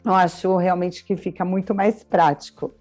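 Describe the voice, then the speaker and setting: Brazilian woman podcast co-host, thirties, warm mellow tone, chatty and explanatory, faint music underneath. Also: lowish voice, fairly even intonation, moderate pace. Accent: Brazilian Portuguese. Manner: chatty, explains with everyday examples and frequent tag questions. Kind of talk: casual chat.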